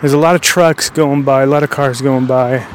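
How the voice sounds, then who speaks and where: A man's voice: mid-range voice, fairly even intonation, moderate pace, a little hiss or hum. A man out of breath, chatting casually in a rambling way with many fillers as he hosts a paranormal vlog outdoors at night by a busy road. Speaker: paranormal vlogger. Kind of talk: casual chat.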